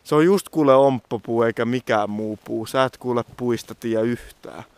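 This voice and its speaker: A man's voice: mid-range voice, smooth. A young man talking casually outdoors in a forest, joking in a mock-dramatic nature-guide manner as he films his walk. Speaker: vlogger. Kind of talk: casual outdoor vlog commentary.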